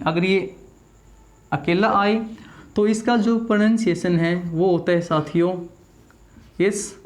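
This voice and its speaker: A man teaching a video English class in Hindi, saying each word slowly and asking listeners to repeat it back. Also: high voice. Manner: drills words slowly, repeats them, asks the class to repeat. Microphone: small camera in front of him.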